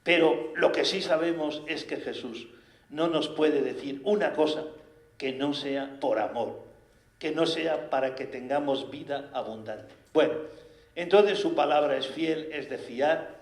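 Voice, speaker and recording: A man with a Spanish accent preaching a sermon, animated and full of rhetorical questions. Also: a little high, unhurried. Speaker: priest. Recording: echoey room.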